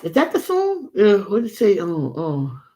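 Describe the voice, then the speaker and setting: A woman's voice: medium pitch, huge pitch swings, moderate pace, warm tone, slightly rough. Woman, 40s, tarot reader, casual rambling livestream host, addresses viewers directly.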